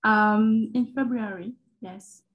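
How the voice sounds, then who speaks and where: A woman from Ivory Coast with an Ivorian French accent, answering interview questions haltingly as she searches for words. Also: on the high side, steady tone, dull audio. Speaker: startup founder and guest.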